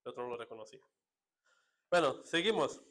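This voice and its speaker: A man's voice: mid-range voice, animated, a little fast, a bit bright. Jokey Mexican man preaching a sermon. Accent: northern Mexican Spanish. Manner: conversational, jokey preaching with rhetorical asides. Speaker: pastor.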